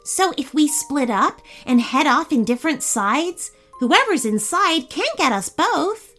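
A woman voicing a tiny, polite and timid female pickle in a high, prim voice. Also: big pitch swings, unhurried, pushed and bright, faint music behind, full character voice.

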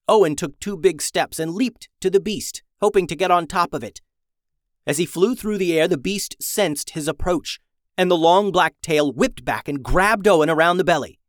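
A man reading a fantasy adventure story aloud in a steady, even storytelling manner. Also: on the high side, no echo, studio quality. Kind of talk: storybook narration.

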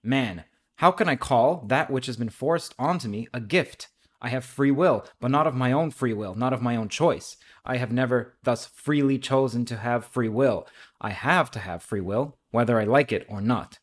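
A man's voice: medium pitch, normal speed, natural voice. A man voicing a weary human pleading with God, in an earnest, burdened reading.

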